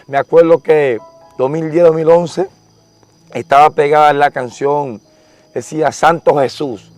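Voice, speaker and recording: A man's voice: a little high, steady tone, a little slow, a little mellow, smooth, dry recording, soft background music. Earnest young man's testimony. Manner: repetitive, earnest, emotional retelling. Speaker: interviewee giving testimony. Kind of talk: religious testimony, casual storytelling.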